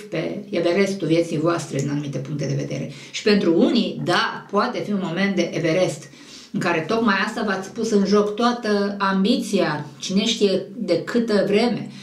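Roomy, distant astrologer voice. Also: medium pitch. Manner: conversational, digressive, self-correcting. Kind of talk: monthly horoscope monologue.

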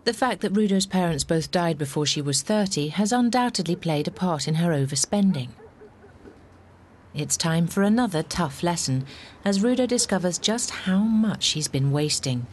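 A woman with a low voice reads scripted documentary narration. She keeps it measured, with a wry edge. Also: animated, a little hiss or hum.

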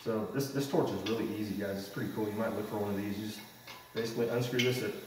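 Fast and steady, his fairly low voice carries across a roomy, echoing basement that's still unfinished. The thirtysomething renovation vlogger chats loosely through a DIY woodworking project, heard off-mic from a camera-mounted microphone several steps away, with background noise in the mix.

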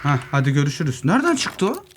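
A young male gaming YouTuber gives casual solo gameplay commentary at a quick pace, playful and lively, with wide pitch swings. He jokes at zombies and mutters while looting. Keyboard clicks, faint typing and faint noise sit in the background.

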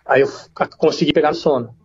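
A man who is a podcast guest, telling a personal story in a casual, slangy and animated way. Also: on the high side, lo-fi sound, soft background music, a faint crowd. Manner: slangy, rapid, animated retelling.

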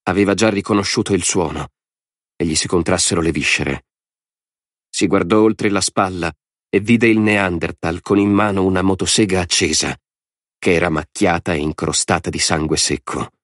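A man narrating an audiobook in a dramatic, expressive storytelling style. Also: deep voice, normal speed, no room sound, studio quality.

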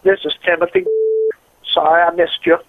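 Man, answering machine greeting, tinny phone line, gravelly voice. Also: a little high, level tone, moderate pace, a little hiss or hum. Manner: brief, plain recorded greeting. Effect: recorded answering machine greeting.

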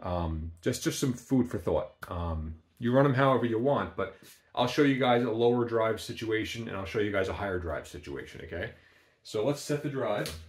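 He's an amplifier builder in a small workshop, casually demonstrating equipment while off camera. His voice is lowish and animated at a moderate pace, and his plain way of speaking includes frequent ums.

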